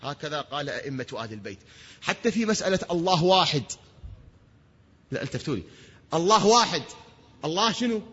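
A man preaching a religious lecture, asking rhetorical questions and answering them himself, sometimes stretching words into long shouts. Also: fairly high pitch, very animated, quick pace, long pauses, husky. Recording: dull sound with long hall reverb.

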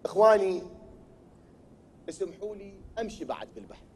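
Iraqi guy preaching, high voice, asks and answers his own questions, gets loud and emphatic. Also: animated, fairly quick, breathy edge. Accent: Iraqi Arabic. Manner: poses rhetorical questions and answers them himself; builds to loud emphatic declaiming. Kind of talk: religious sermon.

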